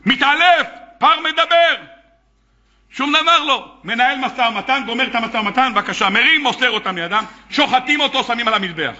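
A man's voice: very high-pitched, lively intonation, sharp tone, lo-fi sound. A man preaching as a rabbi, telling stories with animation and acting out the characters. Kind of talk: sermon.

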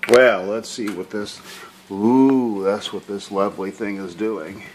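A man's voice: lowish voice, fairly even intonation, unhurried, slight background noise. A man casually narrating a home cooking video in his kitchen, rambling and folksy with lots of fillers.

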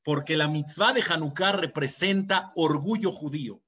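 A man's voice: a little high, normal speed, pushed and bright, breathy edge. A young adult man with a Mexican Spanish accent, a rabbi giving an earnest sermon and telling stories. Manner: earnest and storytelling, with dramatic raised quotes. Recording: dull lo-fi recording.

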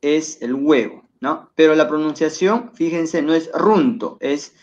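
A man's voice: fairly high pitch, steady tone, measured pace, a little mellow, dull audio. Patient male language teacher. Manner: patient, explanatory, repeats words for pronunciation. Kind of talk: televised language lesson.

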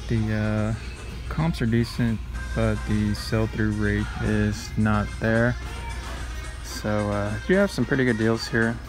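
A man in his thirties with a lowish voice talks through a casual vlog, relaxed and chatty with plenty of filler words. He records on a handheld phone held at arm's length, with music playing behind him. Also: slow. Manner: easygoing, chatty, many "go ahead" and "uh" fillers. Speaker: sneaker reseller vlogger. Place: parked car and retail stores.

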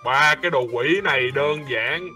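A man's voice: on the high side, moderate pace, sharp tone, far from the mic, soft background music. A man voicing a smug talking statue of a god that stammers and repeats words in a game video.

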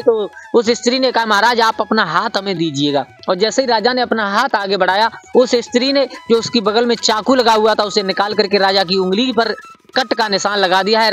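A man's voice: high-pitched, fairly bright tone. A man telling a folk tale in a homely way, calling his listeners brother. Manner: folksy, addresses listeners as brother. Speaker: storyteller. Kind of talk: folk storytelling.

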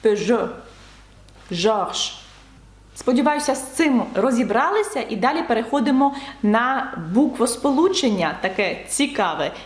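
Woman language teacher, patient and methodical, repeats each example word; slightly high voice, roomy sound. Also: animated. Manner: patient, spells out letters and repeats example words slowly. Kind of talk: beginner language lesson.

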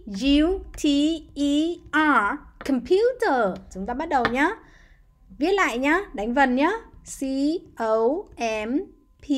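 Woman, children's English teacher, high voice, patient spelling. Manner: spells words letter by letter, coaxing children with frequent "nhá" and "được chưa". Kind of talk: slow, patient spelling lesson.

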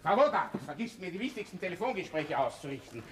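An actor playing an older Austrian police chief in a TV crime drama, reprimanding and giving orders in a berserk rage. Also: male voice, high-pitched, sing-song, fast talker. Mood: furious. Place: office set. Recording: noisy old television soundtrack.

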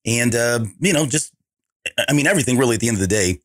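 A man hosting a podcast, talking in a hoarse voice with a loose, rambling, self-correcting manner. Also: medium pitch, lively intonation, fast talker, fairly bright tone, dry recording, clean studio sound. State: hoarse from allergies. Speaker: podcast host. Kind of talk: casual podcast chat.

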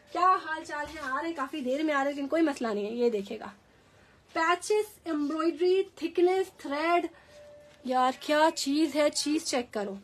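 A woman with a Pakistani Urdu accent and a sore, hoarse throat, chatting enthusiastically as she sells clothes on a live stream and keeps repeating the prices. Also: sits high, a little hiss or hum. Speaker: online clothing seller. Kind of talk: live-stream sales pitch.

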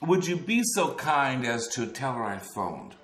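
An actress playing a sheriff who speaks in a wry, knowing, drawn-out way. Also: female voice, extremely low pitch, very animated, exaggerated voice. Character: wry, knowing female small-town sheriff. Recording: roomy, echoey room.

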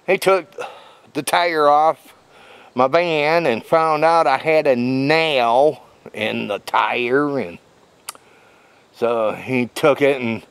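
Slow-talking man rambling on a trail walk. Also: medium pitch, smooth, no echo. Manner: rambling, lots of fillers and restarts; walking while talking. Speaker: vlogger. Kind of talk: casual rambling chat. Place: outdoors on a wooded trail. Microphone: phone camera held at arm's length.

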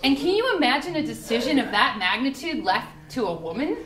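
A young woman reads a humorous essay aloud at a book reading, delivering it wryly and performatively to a live audience in an indoor party room. Her voice is high-pitched, very animated, fairly quick, and fairly bright. She uses a podium microphone on a stand, and the live recording sounds roomy with faint noise.

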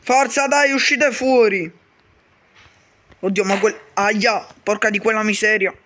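A man with a strikingly high voice performs every part of a comedic game role-play himself. His tone is bright and sharp. He rattles through quick, foul-mouthed bickering that often bursts into shouts. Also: steady tone. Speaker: YouTuber voicing all characters.

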